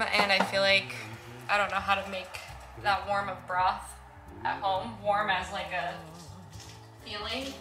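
A young woman in her twenties with a slightly raspy voice, chatting casually to camera in her apartment kitchen, full of "like" and "um". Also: fairly high pitch, rough recording. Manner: chatty, relaxed, lots of "like" and "um". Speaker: vlogger. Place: small apartment kitchen, indoors.

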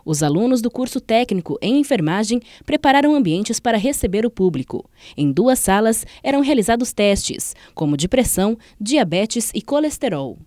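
A woman reporter reading a scripted news voice-over in a measured, clear delivery. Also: fairly high pitch, very animated, darkish tone.

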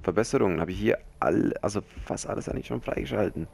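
A man giving casual let's-play commentary, excitable and rambling and now and then swearing. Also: fairly low pitch, quick pace, creaky. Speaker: gamer. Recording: noisy game capture.

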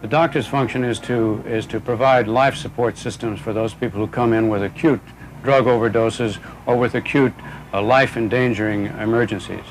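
A man's voice: lowish voice, steady tone, moderate pace, poor audio. Male interviewee, hesitant explainer, faint traffic ambience. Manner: plain, hesitant with fillers. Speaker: medical coordinator.

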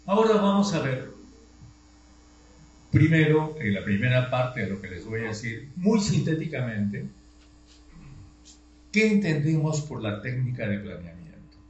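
Slow older man lecturing. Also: mid-range voice, big pitch swings, a little mellow. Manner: slow, deliberate, with rhetorical questions and emphatic rises. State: tired. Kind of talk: classroom lecture. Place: classroom. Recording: roomy, dull sound with faint hum.

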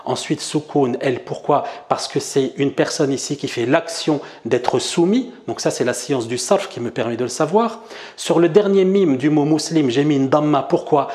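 A man's voice: medium pitch, darkish tone. A man teaching an Arabic reading lesson, explaining step by step and often checking "d'accord?" with his viewers. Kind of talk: whiteboard lesson explaining grammar.

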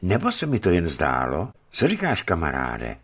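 A man voicing a huge, lovesick young watchman in a read-aloud story, speaking plainly and loudly. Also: wildly swooping pitch, full character voice. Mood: earnest. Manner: booming yet shy, talks plainly.

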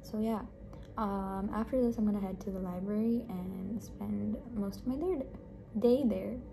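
A young woman, a medical student, chatting casually through her day as a vlogger, with relaxed fillers. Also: medium pitch, unhurried, creaky, music in the background. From Pakistan. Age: young adult. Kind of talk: casual vlog narration.

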